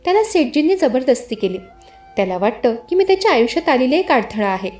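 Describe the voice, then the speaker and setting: A patient young wife who speaks softly and keeps her voice down, as a woman narrator puts her on. The voice sits high, with a lively pitch. A storybook reading over faint music. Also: quick pace. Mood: sad. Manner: soft, hushed. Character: patient young married woman, elder sister, gentle.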